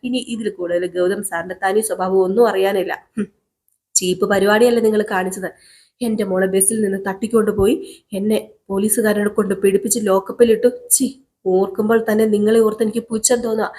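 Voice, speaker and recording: A woman's voice: mid-range voice, steady tone, quick pace, natural voice. A woman voicing a young mother who is bitter, scornful and fiercely protective of her daughter, in a serial recap. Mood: defiant. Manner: sharp, scornful.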